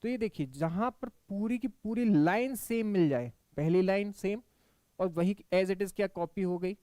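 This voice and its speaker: A man from Madhya Pradesh giving an exam-prep Hindi grammar lecture, explaining step by step, checking in often and reciting verse examples slowly. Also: sits high, darkish tone, clear, resonant tone, dry recording. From Madhya Pradesh, India. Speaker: teacher.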